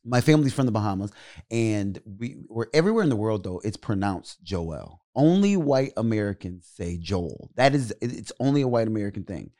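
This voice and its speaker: A young comedian guest chatting in a casual interview, animated and emphatic, often repeating himself. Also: male voice, on the low side, fairly quick.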